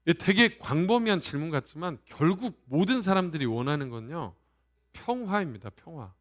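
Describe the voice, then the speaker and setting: Animated male pastor preaching. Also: fairly high pitch, normal speed. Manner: animated, asks the congregation questions, trails off softly at phrase ends. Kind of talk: Sunday sermon.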